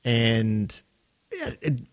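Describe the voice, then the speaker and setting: A man hosting a podcast in casual chat, relaxed and easygoing, with many fillers. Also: medium pitch, drawn-out words. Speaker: podcast host.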